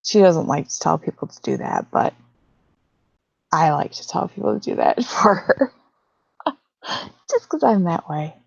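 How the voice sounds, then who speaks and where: A woman co-hosts a casual live Q&A, greeting viewers and reading their comments in a slow, unhurried way. Her voice has a gravelly edge. The audio is dull and dry, with a lo-fi sound. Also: on the low side, lively intonation, no echo. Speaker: livestream co-host. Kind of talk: casual livestream Q&A.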